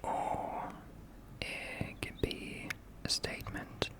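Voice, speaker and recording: With a Finnish accent, this ASMR creator from Finland keeps her whisper slow and hushed. Small bursts of laughter break up the video.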